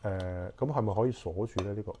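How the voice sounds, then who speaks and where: Unboxing camping gear in a small living room, a man in his forties with a Hong Kong Cantonese accent chats casually and thinks aloud, filling his speech with fillers. He talks fast in a lowish voice, and the clip-on lapel mic picks up heavy background noise.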